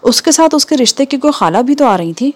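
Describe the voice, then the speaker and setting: This is a woman reading the part of a calm, practical mother in a told story. She talks in a steady, reassuring way with a firm edge. She sounds close to the narrator's own voice. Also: sits high, pitched above the performer's own voice. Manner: soothing yet firm.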